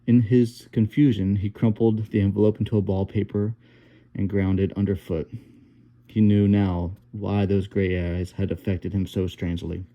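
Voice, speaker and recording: A male audiobook narrator reads a novel at a steady, unhurried pace, stumbling over a word now and then. His voice sits low. The tone is very dark and mellow throughout. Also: muffled recording. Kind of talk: reading a novel aloud.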